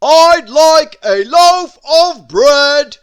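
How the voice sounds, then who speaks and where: A storybook reader voicing a very noisy man who booms out drawn-out words at full volume. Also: animated, fairly bright tone, full character voice. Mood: booming, shouting.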